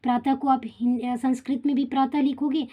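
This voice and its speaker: A woman's voice: sits high, level tone, a little fast, warm tone. A woman teaching a Hindi grammar lesson to children, speaking to them directly and often checking in with short tag questions. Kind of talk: explaining a school grammar lesson.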